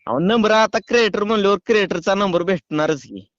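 A man making a prank phone call, calm and teasing in a mock-official way. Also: sits high, fairly quick, dry recording. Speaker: prank caller.

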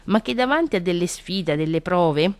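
A woman reading a children's picture book aloud on the radio, gentle and expressive. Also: fairly low pitch, moderate pace, smooth, no room sound. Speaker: children's story reader. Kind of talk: storybook reading.

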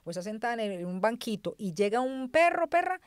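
A woman, co-hosting a casual podcast chat and telling stories with lively acted-out quotes. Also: on the high side, quick pace, clear, resonant tone, no echo, studio quality. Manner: animated storytelling with acted-out quotes and laughter. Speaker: podcast co-host.

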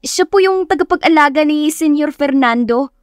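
Voicing a nervous, deferential housemaid in an audio story, a woman speaks at a moderate pace in a high pitch set above her natural voice, with light acting. She sounds anxious, eager and polite, and the recording is dry and studio-clean.

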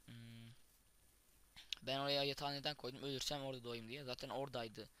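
Excitable young man narrating a game. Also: mid-range voice, fairly quick, clean tone. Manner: chatty, excitable, thinks aloud and exclaims at finds. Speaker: gaming YouTuber. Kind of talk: casual Minecraft let's play commentary.

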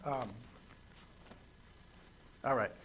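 Speaking very slowly with a slightly bright tone, a middle-aged pastor delivers a verse-by-verse Bible-study sermon at a lectern microphone in a church sanctuary. The rough recording carries a little hiss or hum. His voice is giving out and he coughs, yet he stays conversational and asks the congregation questions.

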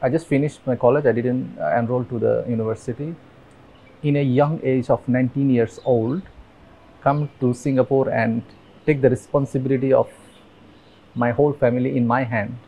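Gravelly Bangladeshi man, earnest and halting. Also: mid-range voice, steady tone, narrow, tinny audio. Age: 30s. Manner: earnest, with halting restarts and simple grammar. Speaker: interviewee, migrant worker. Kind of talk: documentary interview. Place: dim indoor room with fans. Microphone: lapel mic.

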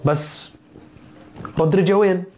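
A man doing casual football chat as a YouTuber, teasing and mock-scolding in an animated way. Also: high-pitched, normal speed. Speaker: football YouTuber reacting to results.

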